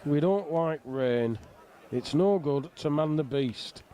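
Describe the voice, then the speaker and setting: A middle-aged man commentates casually on bowls in a fairly high, soft-edged voice. He is bantering and jokey, chatting along between calls of the play. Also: lively intonation, slow pace. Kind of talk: casual live sports commentary. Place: outdoors on a flat roof in the rain.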